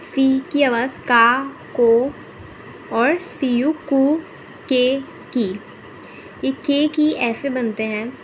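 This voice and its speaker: Patient woman teaching slowly. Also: on the high side, a little hiss or hum, rough recording. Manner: patient, repeats each example word, frequent "okay". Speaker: Spanish teacher. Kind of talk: Hindi-language lesson explaining Spanish pronunciation.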